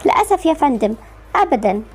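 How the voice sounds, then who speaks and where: A woman with an Egyptian Arabic accent voicing a calm, businesslike female doctor in a game story video. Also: high-pitched, fast, a little hiss or hum.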